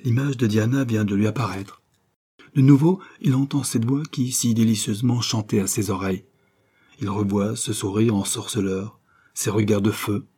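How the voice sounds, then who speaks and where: A man reading a serial novel aloud as an audiobook, in a measured, expressive storytelling manner. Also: on the low side, breathy edge. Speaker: audiobook reader.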